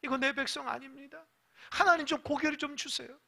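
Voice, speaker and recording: Brief: pleading prophet Moses, as a preacher puts him on, soft and humble, bright tone. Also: high voice, fairly even intonation, a little fast, gravelly, pitched above the performer's own voice, full character voice. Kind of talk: acted quote within a sermon.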